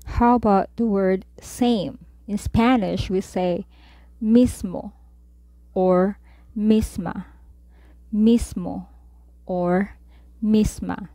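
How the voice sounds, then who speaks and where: Very slow woman teaching Spanish words. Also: mid-range voice, steady tone, warm tone, no room sound. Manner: says each word, then repeats it slowly. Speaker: Spanish tutor. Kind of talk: slow vocabulary lesson.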